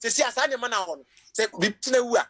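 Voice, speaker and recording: A woman's voice: on the high side, lively intonation, very fast. A woman preaching a sermon with a Ghanaian accent, emotional, at times crying out and slipping English phrases into her preaching. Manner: emotional, rising to cries and shouts, mixing English into Twi preaching.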